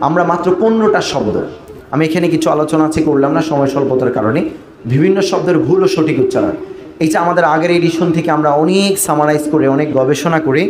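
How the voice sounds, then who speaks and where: A man's voice: on the high side, darkish tone. A man teaching English pronunciation to a workshop of teachers, drilling words and repeating his points emphatically. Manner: drills words aloud and has the audience repeat them. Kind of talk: workshop lecture. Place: workshop hall with an audience. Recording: echoey hall with audience.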